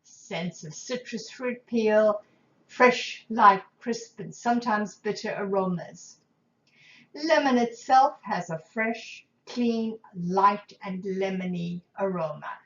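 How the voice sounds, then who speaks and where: A woman speaks in a gentle, measured way, easing through lists of scents and notes as she teaches about aromatherapy. Her pace is unhurried and slow. The sound is roomy and a little dull. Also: mid-range voice. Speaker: aromatherapy presenter. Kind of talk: calm instructional talk.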